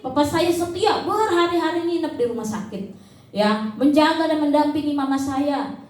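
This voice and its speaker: A woman giving a church testimony in a chatty way, full of fillers and acted-out quotes. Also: sits high. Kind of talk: sermon testimony. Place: church service hall. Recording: echoey church hall.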